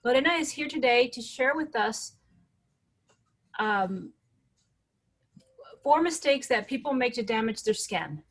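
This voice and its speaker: A woman's voice: on the high side, lively intonation, a little slow, long pauses. A woman with rolled Rs reading out a rehearsed speaker introduction on a video call. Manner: rolls her Rs. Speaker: workshop participant, skincare consultant.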